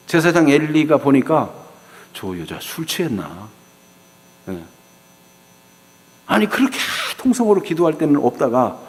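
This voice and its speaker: A man's voice: medium pitch, darkish tone. A male pastor preaching a dramatic sermon, acting out pleading voices of biblical figures. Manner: dramatic, acts out biblical figures' pleas in rising cries. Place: church sanctuary. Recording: hall reverb with mains hum.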